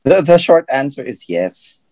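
A man's voice: medium pitch, very animated, slow pace, mellow, no room sound. A man, a podcast guest who trains people in English, talking in casual Taglish and explaining pronunciation carefully.

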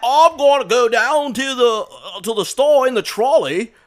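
Podcaster doing a cartoonish British man, mock accent, high-pitched, swooping, whiny and pleading, silly comedy parody. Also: expressive, normal speed. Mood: indignant, goofy.

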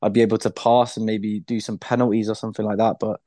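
A young man with a British accent, chatting casually as a podcast guest, relaxed, with easy laughs and loose fillers. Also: fairly low pitch, quick pace, no echo. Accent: British English. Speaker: podcast guest, blind footballer. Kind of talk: casual interview chat.

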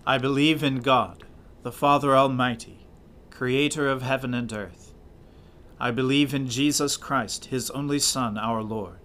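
A man leading worship, reciting prayers aloud in a steady, declamatory way. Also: medium pitch, measured pace. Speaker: worship leader.

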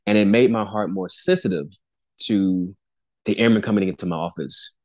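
A man's voice: low voice, normal speed, darkish tone, no echo. A man in his forties, a pastor and airman, sharing an earnest faith testimony in a podcast conversation, often restarting and repeating words with small chuckles. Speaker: pastor and Air Force airman, podcast guest.

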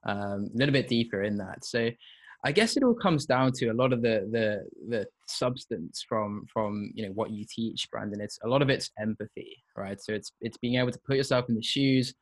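A man's voice: mid-range voice, normal speed. A man hosts an interview podcast and asks his guest questions. He speaks in a thoughtful, hesitant way and leans on fillers as he searches for words. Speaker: podcast host.

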